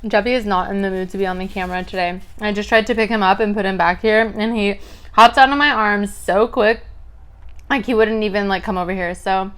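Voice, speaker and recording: A young woman in her twenties, a mukbang vlogger, chats casually with viewers while eating, her mid-range voice brisk and a bit bright with fairly even intonation. She fills her talk with "like," and chewing sounds come between her lines.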